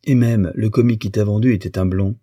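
A man voicing a wounded, bitter bourgeois wife who speaks in a sharp, accusing way. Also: fairly low pitch, fairly even intonation, a little fast, slightly rough, no room sound, clean studio sound.

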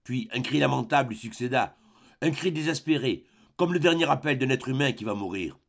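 A man narrating an adventure novel in a measured, dramatic storytelling manner. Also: medium pitch, lively intonation, creaky. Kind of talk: audiobook narration.

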